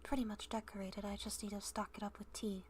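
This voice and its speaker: A woman voicing a prim, formal young woman who loves tea, speaking in a soft whisper with polite, formal wording. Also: medium pitch, level tone, fast talker, a little hiss or hum, natural voice. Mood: concerned.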